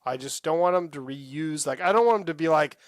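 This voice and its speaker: A man co-hosting a casual gaming podcast, excitable and swearing freely. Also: fairly high pitch, fairly quick, no echo, clean studio sound. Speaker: podcast co-host.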